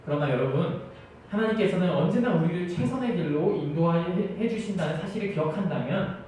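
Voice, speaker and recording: A man's voice: high voice, animated, a little fast, a little mellow, a little hiss or hum. A man in his twenties preaching a sermon as an evangelist, telling stories earnestly with frequent hesitation sounds. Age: 20s. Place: large church hall. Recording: very echoey church hall, mic far off.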